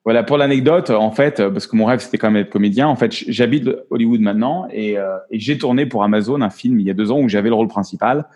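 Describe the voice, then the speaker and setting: A man's voice: lowish voice, quick pace, few pauses, a little mellow. A man in his forties, a photographer and actor, chatting openly as an interview guest and often restarting his words. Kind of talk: casual interview chat.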